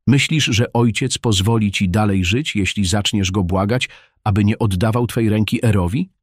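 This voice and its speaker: A man's voice: lowish voice, normal speed, no echo, clean studio sound, natural voice. A man reading an audiobook, voicing a stern mother who commands her daughter to obey. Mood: threatening.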